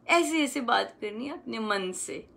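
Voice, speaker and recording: Woman, spiritual teacher, devotional talk, unhurried, gravelly, fairly high voice, coaxing. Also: lively intonation. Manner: gentle, coaxing, acts out loving self-talk; asks listeners "है ना?" often.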